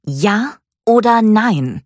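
A woman voicing an angry, defiant teenage girl who talks in a sharp, confrontational way. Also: fairly low pitch, moderate pace, dry recording, clean studio sound, natural voice.

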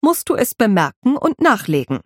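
A woman's voice: a little high, very animated, moderate pace, no room sound, voice pushed up. Woman doing a stern, commanding head housekeeper. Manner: stern, commanding, drilling instructions. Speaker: head housekeeper instructing a maid.

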